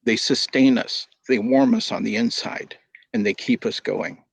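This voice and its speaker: A man telling a folk tale in an animated, theatrical way over a video call. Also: mid-range voice, measured pace, gravelly, breathy edge, no room sound. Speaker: storyteller. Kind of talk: storytelling performance.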